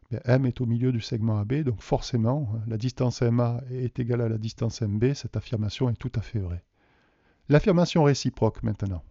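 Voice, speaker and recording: A Frenchman teaches math in a video, explaining patiently and putting questions to his viewers. His mid-range voice is mellow, with no room sound, captured in a dull, dry lo-fi recording.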